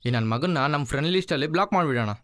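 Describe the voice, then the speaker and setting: Film role: grumbling young male friend, quick delivery. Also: a little high, lively intonation, fairly bright tone, dry recording. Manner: grumbling, wisecracking. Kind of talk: film acting.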